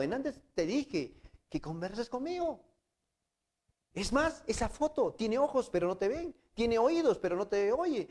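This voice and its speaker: A man preaching voices a worried middle-aged father pressing his daughter to talk to him, his voice climbing higher and louder. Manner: insistent, rising to exasperated exclamations.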